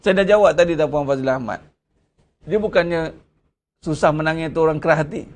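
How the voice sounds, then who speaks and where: A man's voice: a little high, fast talker, a little mellow. A man with a Malaysian Malay accent giving a Ramadan religious lecture, preaching conversationally with rhetorical questions. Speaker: religious teacher.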